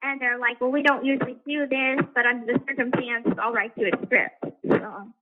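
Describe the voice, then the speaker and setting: A woman's voice: on the high side, steady tone, moderate pace. A woman speaking from a prison payphone call, talking in a hesitant, rambling way with many fillers. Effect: prison payphone call over a tinny phone line. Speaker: inmate calling from a correctional facility. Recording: tinny phone line.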